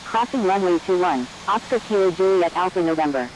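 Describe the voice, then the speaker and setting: A synthetic pilot voice over the radio, reading back clearances in clipped, formulaic aviation phrasing. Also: medium pitch, expressive, a little fast, a little mellow, a little hiss or hum. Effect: pilot voice over the radio, distant. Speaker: airline pilot. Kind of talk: synthetic radio readbacks in a flight simulator.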